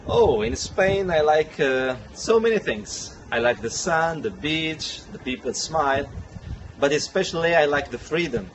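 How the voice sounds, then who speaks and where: A man in his thirties answers interview questions with hesitant pauses. His voice sits a little high, and faint background noise runs under the recording. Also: animated, poor audio. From Morocco. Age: 30s.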